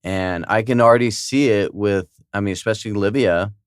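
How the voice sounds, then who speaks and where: Low, smooth-voiced man hosting a chat. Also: moderate pace, dry recording, clean studio sound. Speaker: podcast host. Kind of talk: casual conversational interview.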